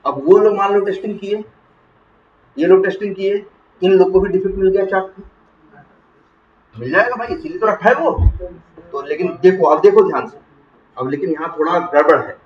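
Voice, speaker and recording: A man teaching software testing in to a class, asking questions and answering them himself. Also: high-pitched, brisk, long pauses. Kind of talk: classroom lecture. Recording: roomy, distant, muffled classroom recording.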